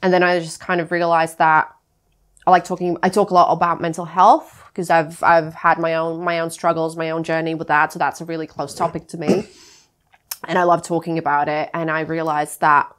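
A woman's voice: deep voice, little pitch movement, fairly quick. A woman from Latvia, a guest in a podcast studio, chatting casually with many fillers and restarts and frequent laughs. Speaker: guest, freelance graphic designer. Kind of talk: casual interview chat.

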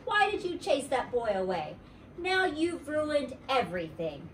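A huffy, possessive little girl from a storybook, as a woman reads her part, protesting indignantly in a highish voice with plenty of rise and fall. The reading sounds roomy and set back from the mic. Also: big pitch swings, normal speed, a bit bright, far from the mic, slight background noise. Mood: angry.

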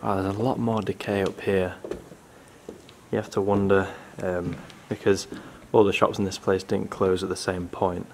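A man giving casual, low-key commentary while walking through a large abandoned shopping centre, thinking aloud with pauses. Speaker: urban explorer. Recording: steady background noise.

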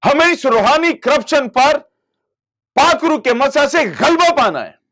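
With big pitch swings and a slightly slow pace, this middle-aged man from Pakistan speaks in a very high, somewhat bright voice. He is a pastor giving a televised studio sermon on a lapel mic, emphasis passionately rising and falling, hands gesturing constantly.

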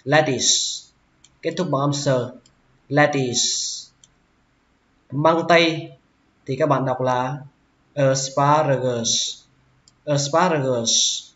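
A man teaching English vocabulary, who says each word slowly and repeats it several times. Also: mid-range voice, steady tone, a bit bright. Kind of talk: vocabulary lesson. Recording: roomy, dull lo-fi sound.

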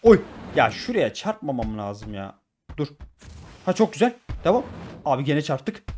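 A man giving excitable live gameplay commentary as a gaming YouTuber, talking to his viewers as friends and repeating words in sudden bursts. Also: mid-range voice, measured pace, a little hiss or hum.

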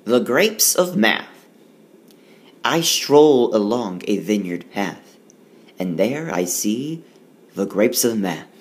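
A man teaching from a tablet screencast reads a picture book aloud in slow, unhurried, sing-song rhymes, his pitch lively and ranging widely. It levels off as he explains the counting and the math involved.

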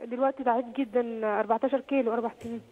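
High-voiced Egyptian mother on a phone line. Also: steady tone, racing. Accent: Egyptian Arabic. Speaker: caller, mother. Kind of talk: phone-in question. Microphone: telephone.

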